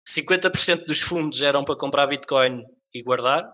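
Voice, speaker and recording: A man's voice: medium pitch, fairly quick, sharp tone. A man with a European Portuguese accent chatting casually on a podcast, explaining things in an informal way. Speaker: podcast co-host.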